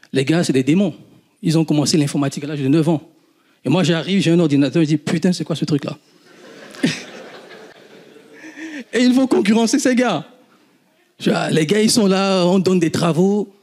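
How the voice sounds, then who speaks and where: A man in his thirties from Benin with a Beninese accent, an entrepreneur talking casually to an audience and telling animated stories with laughs. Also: a little high. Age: 30s. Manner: animated storytelling, laughs often, swears casually. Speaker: guest entrepreneur.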